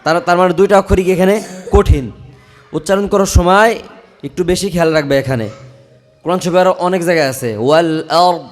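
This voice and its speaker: A man teaching a Quran recitation class in a madrasa classroom, chanting verses slowly and drawn out, then explaining pronunciation briskly with many checking questions, in a Bangladeshi Bengali accent. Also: high-pitched, faint music behind.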